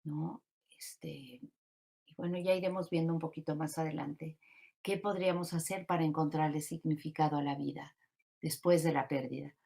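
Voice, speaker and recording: Woman counselor talking thru grief, calm and reflective, lowish voice. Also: a little fast, gravelly. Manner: calm and reflective, poses rhetorical questions. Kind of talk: teaching talk on grief.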